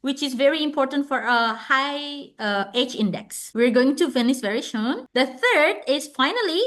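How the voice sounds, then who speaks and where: A woman's voice: high voice, expressive, normal speed, fairly bright tone. A woman from Indonesia with an Indonesian accent, a non-native English speaker giving an online lecture, explaining step by step and often repeating and restarting her words. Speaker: webinar speaker.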